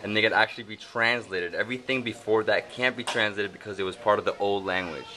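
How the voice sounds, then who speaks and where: A man's voice: fairly low pitch, quick pace, low-quality recording. Young man hosting an upbeat travel vlog. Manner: enthusiastic, touristy explaining. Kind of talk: casual travel vlog narration. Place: outdoors at a temple site and inside caves.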